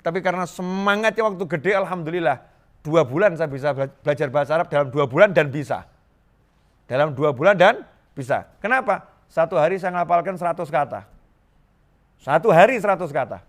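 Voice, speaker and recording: A middle-aged man from Indonesia preaching a sermon to a congregation, lively and joking, repeating phrases for emphasis. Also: fairly high pitch, brisk. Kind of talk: Islamic sermon to a live congregation.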